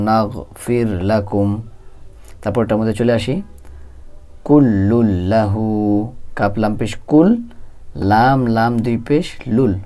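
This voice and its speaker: A man teaching Quran reading. He spells out letters and vowel marks step by step, then recites the words slowly. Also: medium pitch, mellow.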